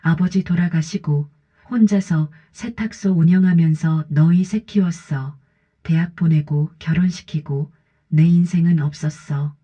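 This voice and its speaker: Stern old mother voiced by a woman narrator, curt and firm, low husky voice, audiobook drama. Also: unhurried, mellow. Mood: angry. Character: stern 68-year-old mother, cold and defiant. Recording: slightly dull lo-fi audio.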